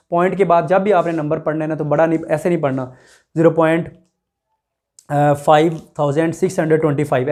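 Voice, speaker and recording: Guy teaching math to students, slightly high voice, walks thru each step asking questions. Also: a little mellow. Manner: step-by-step explaining with rhetorical questions; addresses students directly and repeats numbers. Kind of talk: classroom math lesson.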